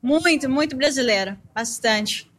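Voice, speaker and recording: A woman's voice: high-pitched, lively intonation, unhurried, fairly bright tone. A woman from Brazil with a Brazilian Portuguese accent, a football fan giving upbeat, confident answers in a street interview outside a stadium.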